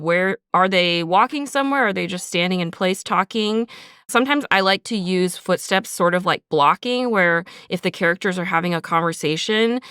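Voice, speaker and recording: Here a woman hosts a behind-the-scenes podcast as a sound designer, explaining things methodically and conversationally and offering examples. Her voice sits fairly low and sounds smooth and a bit bright. It's studio-quality audio with no room sound.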